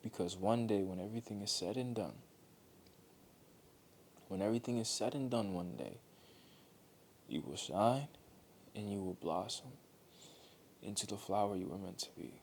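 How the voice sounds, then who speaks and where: Earnest, low-voiced man giving encouragement. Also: moderate pace, pauses often, a little hiss or hum. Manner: earnest, gentle, repeats himself for emphasis. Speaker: motivational speaker. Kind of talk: heartfelt motivational monologue.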